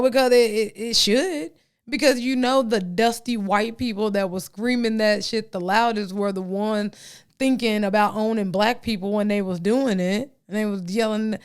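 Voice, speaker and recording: Smooth-voiced woman podcast host riffing. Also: medium pitch. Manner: conversational, reads news excerpts aloud with asides. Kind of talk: casual opinion monologue.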